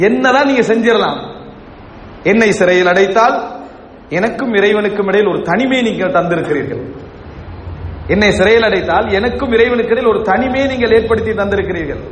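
High-voiced man preaching in an echoey hall. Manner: earnest, emphatic, repeats key points and asks rhetorical questions; recites Arabic in a slow, lower chant. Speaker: Islamic preacher. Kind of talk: sermon. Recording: echoey hall with faint rumble.

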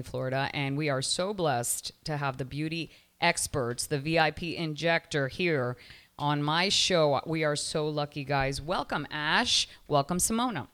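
Effusive low-voiced woman podcast host. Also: a bit bright, clear, resonant tone. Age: 40s. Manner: effusive, chatty, quick asides. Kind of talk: casual interview. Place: Miami.

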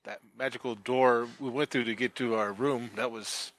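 A man's voice: mid-range voice, fairly even intonation, moderate pace, a bit bright, no echo. A man playing a tabletop role-playing game, chatty and thinking aloud. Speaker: player. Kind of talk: casual game table chat.

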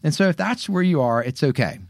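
A man co-hosting a faith podcast, giving earnest advice point by point with deliberate pauses. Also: on the high side, expressive, vocal fry, no echo, clean studio sound. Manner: earnest, lists points slowly with emphatic pauses. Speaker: podcast co-host offering pastoral advice. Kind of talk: casual faith podcast chat.

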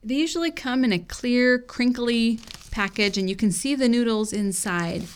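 A woman's voice: fairly high pitch, normal speed, background noise. A woman hosting a hiking podcast in casual chat, playful and teasing, explaining things step by step. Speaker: podcast co-host. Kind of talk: casual chat and show segments.

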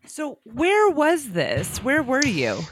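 A woman's voice: sits high, wildly swooping pitch, slow, slight background noise. A woman hosting an interview, asking questions and giving encouraging short replies. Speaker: host, interviewer. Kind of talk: casual interview.

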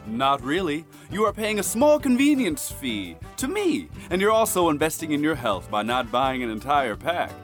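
A man playing a brash, slick street hustler pitching loose cigarettes in a comedy sketch. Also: sing-song, moderate pace, few pauses, faint music behind. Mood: slick, persuasive. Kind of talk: comedy sketch acting with sales patter.

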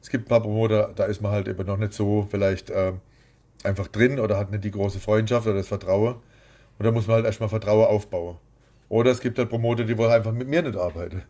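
A man's voice: fairly low pitch, fairly even intonation, fast, mellow. A man who is a boxing promoter, talking bluntly and rambling as the guest in an interview. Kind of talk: casual interview.

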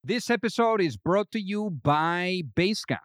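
A man's voice: high voice, animated, normal speed, fairly bright tone, no room sound, clean studio sound. A man hosting an interview podcast, reading an ad and welcoming his guest with upbeat enthusiasm. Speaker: podcast host.

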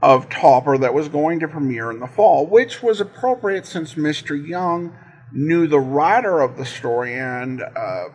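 A man with a husky voice hosting informal commentary on old radio shows, in a halting delivery. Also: fairly high pitch, lively intonation. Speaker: podcast host.

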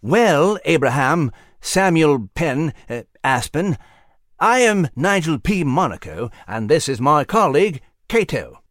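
A fussy, well-mannered gentleman mouse, voiced by a man. His speech is formal and lively in pitch, in a close, dry storybook read. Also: unhurried, dry recording. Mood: bemused. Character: prim, genteel English male mouse.

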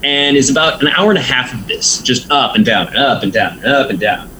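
A man's voice: mid-range voice, lively intonation, fairly quick, pushed and bright, slight background noise, low-quality recording. A man who is a tattoo artist, telling a story in a casual interview, laid-back and rambling, with frequent swearing and filler words.

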